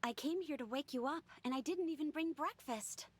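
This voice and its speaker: A woman voicing a cheerful young female knight in a video game, speaking in a dreamy, gently playful way. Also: high voice, a little fast, natural voice.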